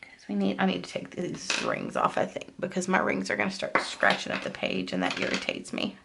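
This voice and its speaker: A woman's voice: on the low side, wildly swooping pitch, a little fast, creaky, very noisy. A woman vlogger chatting casually while decorating her planner, rambling and confiding as she drifts off-topic.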